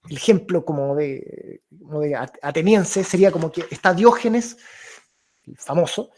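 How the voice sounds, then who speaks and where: A young man leading an informal philosophy talk for a reading club. He thinks aloud with many restarts and hesitations, and acts out inner voices and quoted remarks in lively mock tones. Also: high voice. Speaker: discussion leader.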